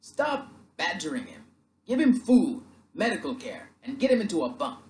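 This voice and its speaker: Gruff navy captain, voiced by a male narrator, audiobook, echoey room. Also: high voice, sing-song, warm tone, a little hiss or hum, pitched above the performer's own voice, full character voice. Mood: commanding. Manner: barks orders briskly.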